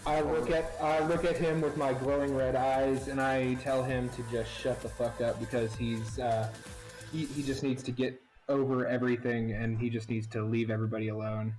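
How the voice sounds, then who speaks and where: A man's voice: mid-range voice, level tone, normal speed, a little mellow, faint music behind, low-quality recording. A man taking part as a player in a casual tabletop role-play over voice chat, talking bluntly with some hesitation.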